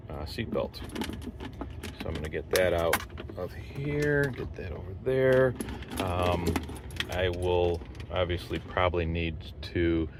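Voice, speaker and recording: A deep-voiced amateur radio operator vlogs in and around his parked truck, rambling and halting as he thinks out loud. It's a casual, unscripted walkthrough with steady car and outdoor noise in the background.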